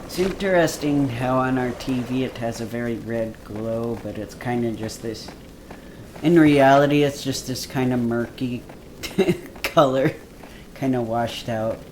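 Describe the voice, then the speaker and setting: A man co-hosting a let's play, chatting casually and relaxed while the game runs. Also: medium pitch, unhurried, poor audio. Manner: relaxed, chatty, trailing off with fillers. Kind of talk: casual gameplay chat. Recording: loud background noise.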